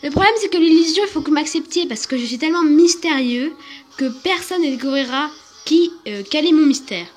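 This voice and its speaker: A woman acting out a theatrical young man who dramatizes his own mystery in a high voice. Faint music plays behind the toy role-play. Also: animated, a little fast. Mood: dramatic. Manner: dramatic, self-important.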